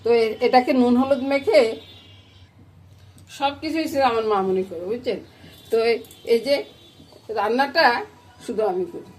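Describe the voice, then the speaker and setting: A middle-aged Bangladeshi woman with a Noakhali Bengali accent chats casually in her home kitchen for a cooking vlog, her voice on the high side, unhurried and full of pauses. She keeps asking viewers "you get it?" to check they're following. Loud frying and sizzling fill the recording.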